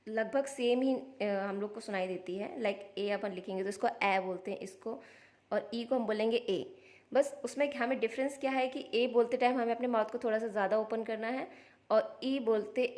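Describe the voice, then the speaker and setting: A woman, a parent, patiently explaining how to teach children phonics step by step, sounding out letters in a casual instructional vlog. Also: a little high.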